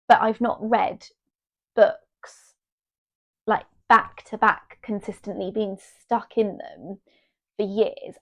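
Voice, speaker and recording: A young woman chatting casually to her camera as a vlogger, rambling and restarting her sentences. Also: a little high. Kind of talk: casual chat. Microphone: small mic on her.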